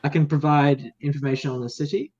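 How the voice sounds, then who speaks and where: A man voicing a lonely, thoughtful male demon in a tabletop game, speaking softly and hesitantly. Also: fairly high pitch, steady tone, quick pace, natural voice. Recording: dull lo-fi recording.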